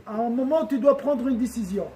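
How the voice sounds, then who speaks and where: A man teaching a religious lesson to a gathering speaks in a very high-pitched, mellow voice at a fairly quick clip. He often questions his listeners and repeats or restarts phrases as he explains.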